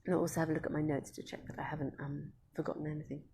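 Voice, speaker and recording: Unhurried, earnest woman, lowish voice. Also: flat delivery, vocal fry, warm tone, slight background noise. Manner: unhurried and earnest, with frequent ums and restarts. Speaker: Montessori educator hosting a live session. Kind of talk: casual live-stream talk.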